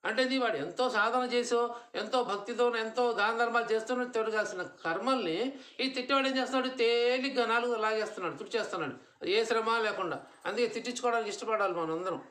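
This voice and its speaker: At a home gathering, a man delivers a devotional discourse as a satsang speaker, posing rhetorical questions and answering them himself while mixing English words into his speech. His voice is high-pitched and fairly bright, and he talks fast.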